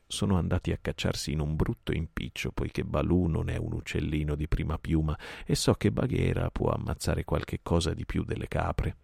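A man's voice: sits low, gravelly, a little mellow, slightly rough, no room sound, clean studio sound, exaggerated voice. A man voicing a sly vulture who speaks with a sneer in an audiobook reading. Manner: sneering, knowing.

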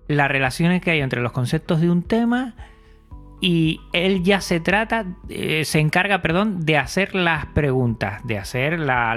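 A man's voice: a little high, fairly bright tone. A man hosting a casual interview, asking long questions with hesitant fillers. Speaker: host.

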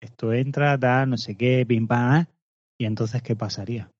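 A man from Spain with a Spanish accent, co-hosting a podcast in excitable casual chat, swearing and laughing often. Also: mid-range voice, normal speed, no echo, dull audio. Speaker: podcast co-host.

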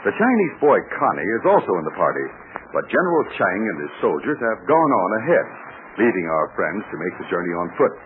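A man's voice: deep voice, sing-song, fairly quick. A man with an American accent in the eager, scripted manner of an old 1940s radio announcer, selling and narrating to children. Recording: tinny, hissy 1940s radio recording.

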